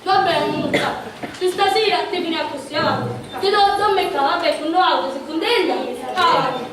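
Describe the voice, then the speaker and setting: A woman's voice: very high voice, a little fast, a crowd in the background. A woman acting in an amateur stage comedy, with a Sicilian accent and a bossy way of urging others on. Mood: coaxing. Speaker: stage actor. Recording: echoey hall, taped from far off. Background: audience in a large hall.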